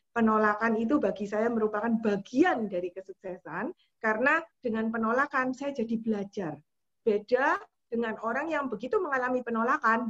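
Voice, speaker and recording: A woman giving a motivational talk to an audience about her sales work. She talks fast and punchy, with lots of energy, acting out her own doubts and thoughts. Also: a little high, lo-fi sound. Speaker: insurance agency leader giving a motivational talk.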